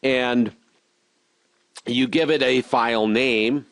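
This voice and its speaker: A man teaching robotics in a screen-recorded software tutorial, walking through each step patiently and repeating reminders. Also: medium pitch, fairly even intonation, takes it slowly, no room sound.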